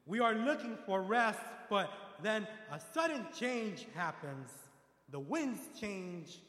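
High-pitched guy preaching slow, swings from calm to shouting, big roomy church echo. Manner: rises from calm to loud emphatic preaching, dramatizes voices. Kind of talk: sermon. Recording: echoey hall with long reverb.

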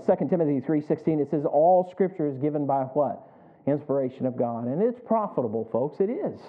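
A pastor in his fifties preaching a sermon, reading scripture and prompting the congregation to answer, with frequent chuckles. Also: high voice. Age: 50s. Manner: call-and-response preaching with chuckles. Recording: tinny phone-like audio.

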